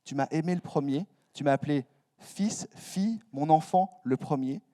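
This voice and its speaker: A man's voice: on the high side, normal speed, warm tone. A young man preaching a sermon in a church hall, casual and self-mocking, with slangy asides. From Switzerland.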